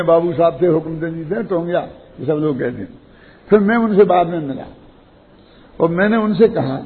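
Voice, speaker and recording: A man's voice: high-pitched, husky. A man giving a sermon to a gathering, often questioning his listeners and telling anecdotes. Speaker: religious teacher. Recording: tinny lo-fi recording.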